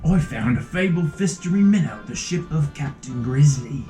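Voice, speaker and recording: A silver-tongued drifter with an accent that won't settle, sliding from cowboy drawl into Scottish and Irish lilts, as a man puts him on while running a tabletop game. He flatters and sells hard, pitched a little above a plain speaking voice. The room around him is roomy and echoey. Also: normal speed, soft background music, natural voice. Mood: conspiratorial. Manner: persuasive, flattering sales pitch. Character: smooth-talking male treasure-hunting drifter.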